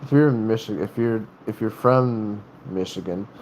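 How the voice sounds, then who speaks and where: A livestream host from North Carolina chats casually in a Southern accent, rambling, halting and restarting his sentences again and again. His voice is fairly low and darkish, and the rough recording carries a little hiss or hum.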